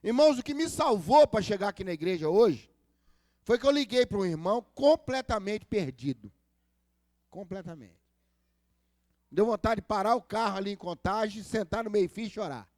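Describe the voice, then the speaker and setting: A man's voice: high voice, lively intonation, moderate pace, darkish tone, dry recording, clean studio sound. A male pastor preaching a sermon at a church service, telling stories and acting out the dialogue, and asking the congregation for responses. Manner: storytelling preacher who acts out dialogue.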